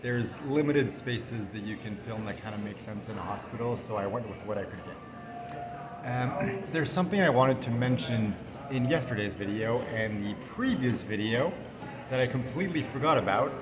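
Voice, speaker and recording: A man's voice: medium pitch, lively intonation, moderate pace. A man talking casually to camera in a rambling, self-deprecating, matter-of-fact way, recording indoors in a hospital corner. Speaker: vlogger documenting cancer treatment. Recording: public indoor space, background chatter.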